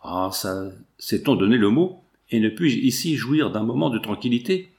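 A man voicing an impatient, irritable gentleman with a gun, giving curt, exasperated replies. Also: mid-range voice, lively intonation, moderate pace, vocal fry. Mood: angry.

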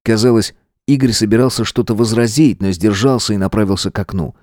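A man narrating an audiobook in a steady, measured reading. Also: fairly low pitch, no echo, clean studio sound. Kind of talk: scripted narration.

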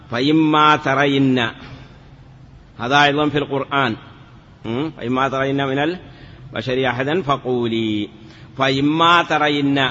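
A male teacher giving a step-by-step Arabic grammar lesson, asking the class questions and drawing words out slowly. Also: a little high, pushed and bright. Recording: lo-fi, hall reverb, faint noise.

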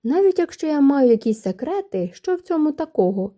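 A woman reading the lines of a sad, reserved young maid in an audiobook, soft and pleading. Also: high-pitched, big pitch swings, fairly quick, pitched above the performer's own voice.

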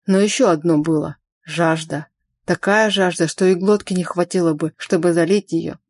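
Panicky grey-haired innkeeper, voiced by a woman narrator, low and dry. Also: fairly even intonation, normal speed, a little mellow, dry recording. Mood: frightened. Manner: anxious, hoarse pleading. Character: frightened grey-haired old male innkeeper.

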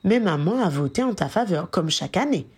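A woman's voice: on the low side, expressive, a little fast, a little mellow, husky. A woman reading Ginny, amused wife.

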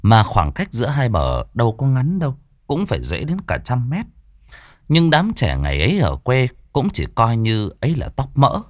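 A man's voice: mid-range voice, wildly swooping pitch, moderate pace, no echo, studio quality. A man narrating a rural ghost story in a dramatic storytelling manner.

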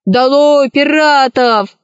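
A brave, modest young boy from a storybook who speaks earnestly in a raised voice, as a woman reader voices him. He talks slowly, and the recording is dry and a little dull. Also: on the high side, darkish tone, dry recording.

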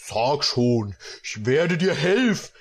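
A man voicing a smooth, cooing young male unicorn shapeshifter from a fan-fiction romance. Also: on the high side, sing-song, slow, pitched below the performer's own voice, exaggerated voice.

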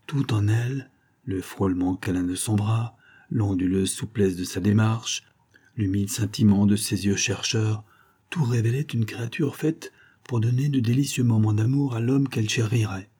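Calm guy reading a novel aloud, dark mellow tone, husky. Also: lowish voice, normal speed. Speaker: audiobook reader. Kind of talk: scripted narration of a novel.

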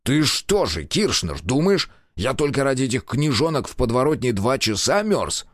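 A man's voice: medium pitch, sing-song, moderate pace, no room sound, studio quality, voice pushed up. A man voicing a brusque senior police detective who barks curt orders and mocks in an audiobook. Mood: scornful. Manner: curt, barking, mocking.

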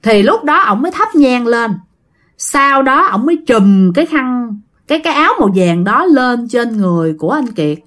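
A woman's voice: on the high side, sing-song, normal speed, fairly bright tone. Chatty woman storyteller. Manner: chatty, addresses listeners directly. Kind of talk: casual ghost-story telling.

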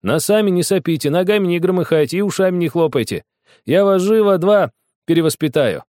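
A man voicing a cocky, loud schoolboy who mocks and teases others. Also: high voice, expressive, a little fast, dry recording, clean studio sound, voice pushed up. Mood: teasing. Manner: loud mocking show-off. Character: brash cocky schoolboy, loud teasing bully.

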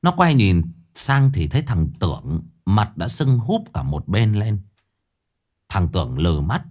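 A man narrating a spooky folk tale in an expressive, lively way. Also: lowish voice, unhurried. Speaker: storyteller.

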